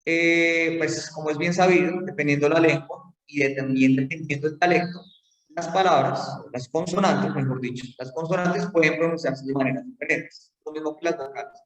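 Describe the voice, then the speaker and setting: Man, lecturer, higher voice, explanatory, distant mic, echoey hall. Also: fairly even intonation, normal speed. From Colombia. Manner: explanatory, with frequent fillers and check-ins. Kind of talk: university phonetics lecture. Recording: roomy hall, mic far off.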